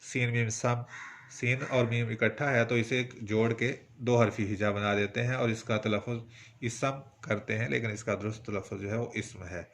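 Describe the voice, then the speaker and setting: A man's voice: lowish voice, steady tone, normal speed, a little hiss or hum. A man from Pakistan with a Punjabi-tinged Urdu accent, teaching a poetry lesson patiently and breaking words into syllables. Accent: Punjabi-influenced Urdu. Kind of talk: instructional lesson.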